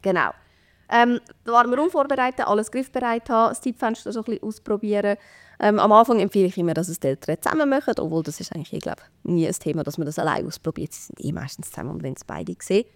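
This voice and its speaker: Fast-talking Swiss German woman explaining. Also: mid-range voice, dry recording. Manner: practical, explaining step by step with many fillers. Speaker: baby care expert guest. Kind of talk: conversational podcast explanation.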